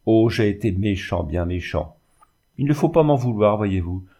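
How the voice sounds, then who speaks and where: A man's voice: fairly low pitch, lively intonation, normal speed, dark tone. A man reading aloud and voicing a tender, tearful old village schoolmaster who pleads in broken phrases and then forces cheer into his voice. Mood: remorseful.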